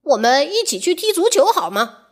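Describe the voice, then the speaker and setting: A woman voicing a friendly, energetic little puppy in a children's storybook, with a cheerful, inviting voice. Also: sits high, normal speed, pitched above the performer's own voice.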